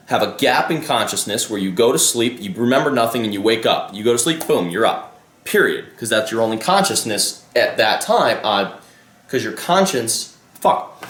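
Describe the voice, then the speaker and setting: A vlogger and life coach muses casually to the camera in a medium-pitched, slightly bright voice that rings in a reverberant space. He rambles, often loses his thread, starts over, and swears casually.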